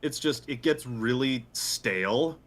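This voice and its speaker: A young man chatting on a livestream, matter-of-fact and quick to correct the others. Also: medium pitch, animated, a crowd in the background. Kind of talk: casual chat on a livestream.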